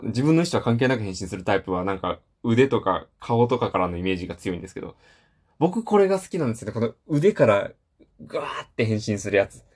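A man hosts his own solo talk show in a loose, rambling way, full of fillers and small self-deprecating asides. His voice sits a little low. He sounds like he is talking into a home podcast mic. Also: animated, fast talker, darkish tone. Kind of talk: casual solo chat.

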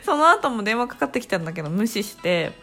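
An animated woman around thirty hosts a casual podcast, recounting a story at home. Her pitch swings up and down expressively as she talks, and laughs break in often. Soft music plays quietly underneath. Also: quick pace. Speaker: podcast host.

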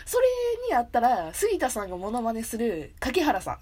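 Lively, giggly Kansai woman. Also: fairly high pitch, normal speed, breathy edge. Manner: laughs often, lively and self-mocking. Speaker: podcast host. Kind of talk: solo casual radio talk.

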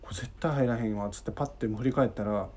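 A man's voice: medium pitch, quick pace, mellow. A man in his thirties with a Kansai accent, hosting his own podcast and telling a story from his school days in a rambling, chatty way. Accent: Kansai Japanese. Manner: rambling, chatty, repeats himself while recalling. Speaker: podcast host. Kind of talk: casual solo podcast storytelling.

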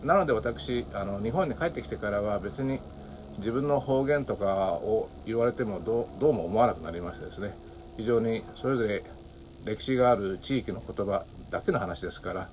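A man hosting a solo audio talk, speaking politely and thoughtfully with many pauses and fillers. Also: lowish voice, a little mellow, slight background noise. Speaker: podcast host.

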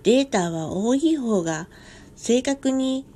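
A woman voicing a blunt, unflappable male store coworker with casual, rough speech in a ghost story reading. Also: a little high, expressive, slow pace, warm tone. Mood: insistent.

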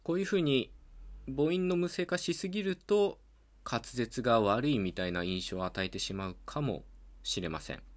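A man hosting a podcast, explaining language points in a calm, patient, teacherly solo talk, often pausing on a filler between ideas. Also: medium pitch, a little hiss or hum. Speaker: podcast host.

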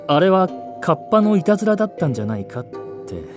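Hushed male ghost-story narrator, lively pitch. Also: fast talker. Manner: hushed, drops to near-whispers at tense moments. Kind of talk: scripted first-person ghost story narration. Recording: faint music underneath.

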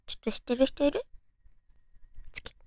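A woman's voice: very fast, darkish tone, no room sound, studio quality. A woman with a naturally cute, girlish anime voice hosts a chatty solo radio show, talking playfully to listeners as friends.

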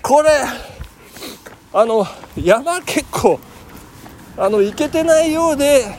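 A man's voice: extremely high pitch, lively intonation, slow, a little mellow, slight background noise. A man in his fifties hosting a casual solo talk show outdoors on a morning run. He speaks in a jokingly formal, chatty way. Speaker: podcast host.

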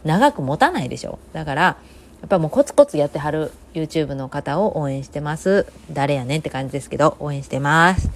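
A woman with a Kansai accent talks on her own in a relaxed, rambling way, full of fillers and frank opinions. Her voice sits low, yet her pitch swings widely. She sounds like a host chatting to listeners. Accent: Kansai Japanese. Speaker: host of a talk segment. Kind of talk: casual solo monologue.

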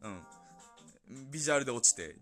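A young man talks excitedly about the characters he loves, his voice bright and sharp and swinging up and down. He uses lots of fillers in a casual solo talk. Faint music plays behind him. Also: medium pitch, fast. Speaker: podcast host.

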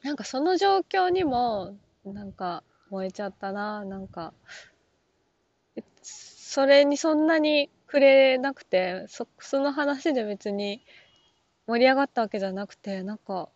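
A woman's voice: fairly high pitch, lively intonation, measured pace, no room sound, lo-fi sound. A woman talking alone in a casual monologue, rambling and full of fillers, often stopping to question herself aloud. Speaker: app talk show host.

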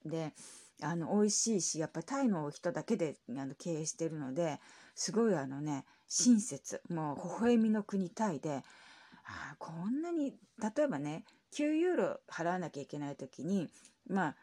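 Brief: lower-voiced woman from Japan, casual solo podcast chat, animated storyteller. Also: normal speed. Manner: chatty storytelling with many fillers; acts out quoted voices in a raised pitch.

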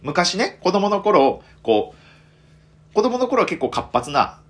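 A comedian with a Kansai accent hosts a casual solo podcast, telling stories in an excitable, self-mocking way. His voice is high-pitched and he takes things slowly.

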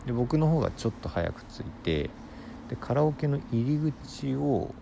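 Hosting his own radio show, a male comedian spins a meandering tale alone and casually, blending quick-fire delivery with drawn-out words. His mid-range voice is very animated and carries vocal fry over a noisy background.

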